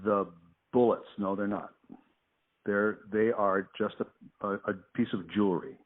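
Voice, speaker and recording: Over a spotty phone connection that keeps cutting out, an artist speaks on a call in a fairly low, steady voice at a measured pace. He sounds easygoing and a bit hesitant.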